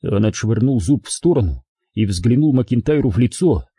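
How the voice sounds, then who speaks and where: A man's voice: medium pitch, expressive, normal speed, dark tone, breathy edge, dry recording, studio quality. A man narrating a crime audiobook expressively, giving every character his own voice.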